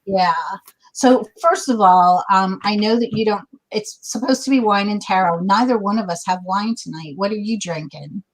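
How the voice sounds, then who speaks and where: A woman's voice: medium pitch, normal speed, a little hiss or hum, low-quality recording. Gushy chatty woman in her 50s hosting a live video chat, lots of ums. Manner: bubbly, effusive, chatty with fillers. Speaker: host. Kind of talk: casual livestream chat.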